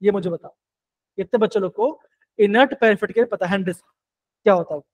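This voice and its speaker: High-voiced man teaching a live chemistry class. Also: fast talker, low-quality recording. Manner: coaxing, repeats questions to students.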